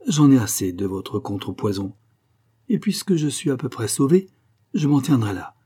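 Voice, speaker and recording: A man voicing a drunk master locksmith who mumbles and stammers, his voice often raised higher and louder than his narration. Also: very animated, normal speed, slightly rough. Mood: confused, wary.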